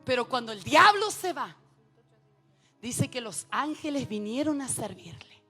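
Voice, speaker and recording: Woman preacher, very high, bright voice, slow deliberate sermon delivery, swings from hushes to shouts. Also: very animated, husky, soft background music. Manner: addresses the congregation directly, calls for responses.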